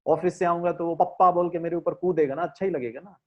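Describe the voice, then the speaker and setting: Middle-aged man, motivational talk, emphatic, sweeping pitch and loudness swings, asks his listeners questions, fairly high voice, dull lo-fi online audio. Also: fairly even intonation, fast talker. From India. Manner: speaks to the audience directly with rhetorical questions. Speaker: life coach and corporate trainer.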